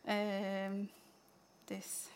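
A woman with an Italian accent shares books and reads a poem aloud. She speaks slowly and hesitantly, with many ums and restarts, at a mid pitch. Her talk is unscripted and personal. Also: monotone, a little hiss or hum. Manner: halting, many fillers and restarts. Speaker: book presenter. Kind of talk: casual book sharing with a poetry reading.

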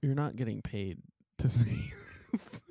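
A man's voice: medium pitch, wildly swooping pitch, measured pace, creaky, mellow, slightly rough, no echo. A young man co-hosting a podcast in casual chat, teasing and joking. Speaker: podcast co-host.

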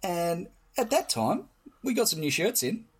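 A middle-aged man with a Western Sydney Australian accent and a husky voice, bantering casually as a podcast co-host with plenty of swearing. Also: high voice, sing-song, measured pace, slight background noise.

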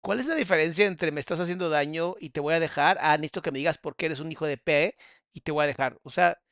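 A man, hosting a podcast and reacting with sarcastic, drawn-out remarks. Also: a little high, fairly bright tone, smooth, dry recording, clean studio sound. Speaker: host reacting to a guest's story.

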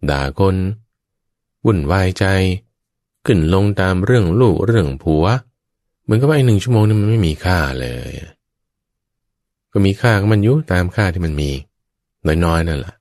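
A man preaching a Buddhist sermon to his listeners, telling it in a lively way with vivid sound words and playful asides, and often speaking straight to the audience. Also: lowish voice, moderate pace, long pauses, no echo, clean studio sound. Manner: keeps addressing the listeners directly.

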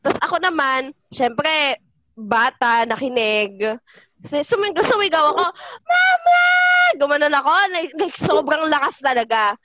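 A young woman telling a story in casual chat with friends, animated, laughing and acting out shouts. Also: sits high, a little slow, no room sound. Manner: animated, laughs often, acts out shouts and voices in her stories. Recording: noticeable background noise.

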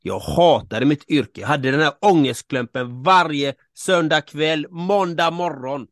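A podcast co-host who works as a coach earnestly tells a personal story in a casual chat, repeating things for emphasis and making asides to the listener. His voice is a little high and a bit bright. The studio sound is clean, with no room sound.

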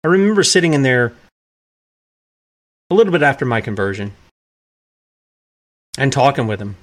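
A man's voice: medium pitch, sing-song, moderate pace. Male preacher, sermon-style talk, emphatic, earnest, folksy phrasing, mid-range voice. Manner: earnest and emphatic, pressing his points hard; repeats key phrases for weight.

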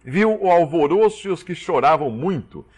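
A man's voice: on the high side, moderate pace, husky. A man preaching a sermon, acting out the dialogue he quotes. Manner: animated, acts out quoted dialogue.

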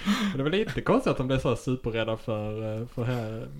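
A man's voice: mid-range voice, big pitch swings. Man co-host chiming in casually. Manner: agreeing, chiming in with short replies. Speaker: podcast co-host. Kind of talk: casual chat.

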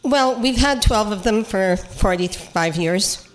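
An older Canadian woman from Cape Breton answers interview questions as a local councillor. Her pitch sits in the middle range for a woman. She is direct and assertive, in a conversational style. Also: lively intonation, takes it slowly. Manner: plain-spoken, assertive. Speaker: regional councillor, guest.

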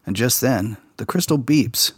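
In an unhurried, husky mid-range voice, a man hosts a podcast, recorded dry at studio quality. He gives a casual recap of a kids' TV episode and tells behind-the-scenes stories, relaxed as an insider going over production details.

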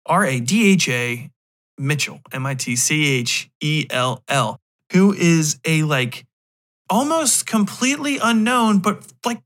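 A man in his thirties or older, with a somewhat high and slightly bright voice, hosts a podcast in a loose, rambling monologue. He keeps interrupting himself with wry asides, some of them profane.

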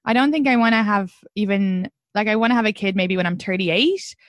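A woman's voice: medium pitch, brisk, no room sound, studio quality. A woman in her thirties hosting a podcast, chatting casually, candid and giggly, with some swearing. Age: 30s. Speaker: podcast host. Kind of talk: casual chat.

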